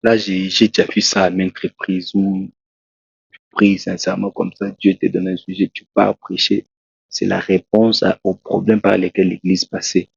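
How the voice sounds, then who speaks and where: A very low, gravelly man's voice with a husky edge, recounting his testimony haltingly and restarting his sentences. He is a preacher from Congo, speaking in a dry, dull, lo-fi recording. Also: little pitch movement, no echo. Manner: slow, halting storytelling with many restarts. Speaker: preacher, guest. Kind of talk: testimony in a talk show interview.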